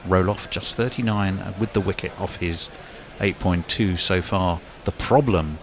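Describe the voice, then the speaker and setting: Against a noisy background, a deep-voiced man calls a cricket match ball by ball as live sports commentary. He keeps things brisk and raises his voice suddenly for the big shots.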